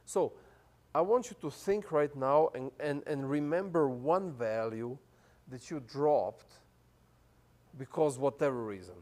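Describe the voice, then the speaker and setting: With lively intonation and a darkish tone, this medium-pitched man talks a little slowly. He's a pastor in his thirties, English not his first language, whose foreign-accented sermon is casual and chatty, full of fillers, restarts and easy laughter.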